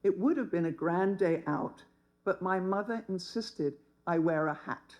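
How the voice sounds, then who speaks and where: Older woman in her seventies, dry wit, tells her story slowly to a room of listeners. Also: fairly low pitch, a little mellow, rough recording. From England. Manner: wry, humorous. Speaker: speaker. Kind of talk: personal storytelling talk.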